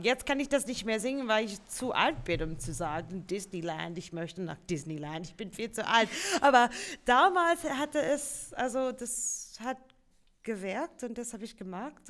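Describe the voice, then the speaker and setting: A woman in her forties from Australia with an Australian accent, a musical theatre performer telling stories in a casual interview, with simple non-native phrasing. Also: fairly high pitch. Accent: Australian English. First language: English. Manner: lively storyteller, laughs often, simple non-native phrasing.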